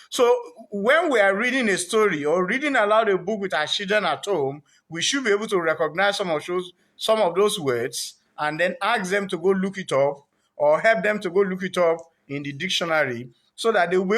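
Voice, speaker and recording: Man, high voice, unhurried, earnest explainer, sounds out words part by part. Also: a bit bright. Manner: breaks words into parts and repeats them deliberately; earnest, with frequent restarts. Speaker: literacy programme facilitator. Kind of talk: explanatory talk to parents.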